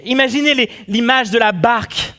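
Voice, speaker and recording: A man preaching a sermon as pastor, animated and full of rhetorical questions to his congregation. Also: extremely high pitch, moderate pace. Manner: acts out the quotes he tells.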